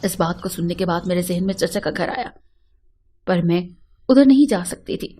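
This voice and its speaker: Woman reading a sad first-person story, emotional and expressive. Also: on the low side, a little hiss or hum.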